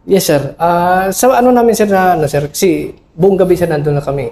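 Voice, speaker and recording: A middle-aged man, an army officer, recounting a battle in an interview, halting and full of fillers, respectfully calling his listener sir. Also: high-pitched, mellow. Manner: respectful toward a senior officer. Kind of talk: interview recollection.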